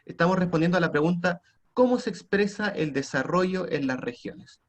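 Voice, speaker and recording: A man's voice: high voice, lively intonation, normal speed. A man teaching an online class with a Chilean Spanish accent, prompting students with frequent tag questions. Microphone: computer mic on a video call.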